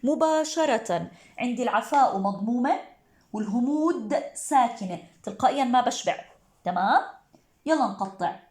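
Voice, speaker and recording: A woman teacher with a Levantine Arabic accent, explaining poetic meter to exam students. She asks and answers her own questions and chants syllables slowly. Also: on the high side, expressive, a little mellow, roomy sound.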